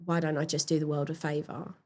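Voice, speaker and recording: A woman in a podcast interview, frankly and reflectively telling her personal story, with pauses and fillers. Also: low voice, flat delivery, darkish tone. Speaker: podcast guest.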